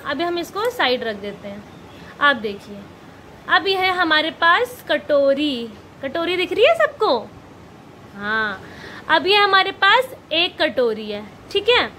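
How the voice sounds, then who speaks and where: Patient high-voiced woman teacher. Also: a bit bright, slight background noise. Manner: patient, repetitive questioning, calls pupils beta. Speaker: primary school teacher. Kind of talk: online grammar lesson for children.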